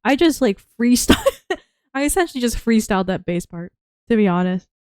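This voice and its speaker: Girl streaming while she draws, rambles all over the place, kinda losing her voice, smooth tone. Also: a little high, sing-song, brisk, a little mellow, no echo, studio quality. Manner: rambling, self-interrupting, chatty. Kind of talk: casual stream chat while drawing.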